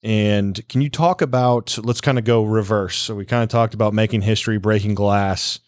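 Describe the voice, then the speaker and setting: A man's voice: lowish voice, fairly even intonation, normal speed, clear, resonant tone, dry recording, clean studio sound. A man hosting a podcast, asking long, rambling questions in a casual, chatty way. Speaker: podcast host.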